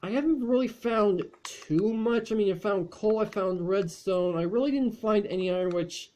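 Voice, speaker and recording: A man's voice: sits high, normal speed, a little mellow. A man chatting casually over gameplay as a channel host, rambling along with frequent fillers and restarts.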